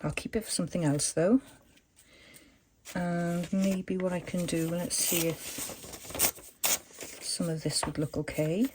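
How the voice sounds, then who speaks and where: A woman talks through her crafting at a home desk, her voice sitting a little low. She rambles and thinks aloud, with plenty of ums and restarts. A faint hiss and the odd click of paper sit behind her. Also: steady tone, slow pace, long pauses. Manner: chatty, rambling, thinks aloud with many fillers. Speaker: junk journal crafter. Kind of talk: casual crafting chat.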